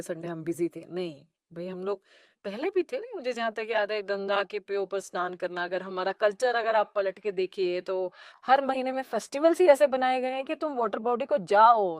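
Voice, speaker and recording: A woman from India, an animated lake restoration activist telling stories in an interview with playful asides. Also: medium pitch, dry recording, clean studio sound. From North India. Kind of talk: conversational interview storytelling.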